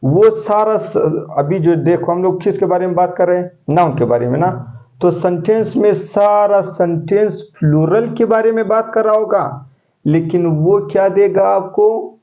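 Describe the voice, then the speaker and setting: A man teaching a class, speaking in a somewhat high voice that he keeps throwing out as questions for his students. The lo-fi recording sounds dull and muffled. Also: a little slow, dark tone. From Pakistan. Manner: explains step by step, asking the class questions. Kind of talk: classroom lecture.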